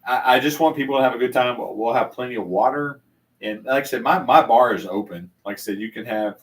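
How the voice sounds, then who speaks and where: An older man chatting loosely from his home bar, stumbling through restarts and filler words. His voice sits at an ordinary middle pitch and comes across from a little way off the microphone. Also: brisk, distant mic, poor audio. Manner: rambling with many restarts and fillers. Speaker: channel host. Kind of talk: casual live chat.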